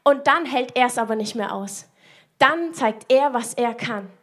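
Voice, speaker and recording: Woman preacher, high voice, earnest sermon delivery with searching rhetorical questions, talks straight to the listener. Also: expressive, a little slow, a bit bright. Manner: speaks directly to the listener.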